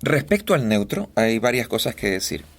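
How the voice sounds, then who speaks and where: A man from Ecuador, a voice-over artist, telling stories in a relaxed interview with lots of fillers and restarts. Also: fairly low pitch, normal speed. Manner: animated storyteller, many fillers and restarts. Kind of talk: casual interview chat.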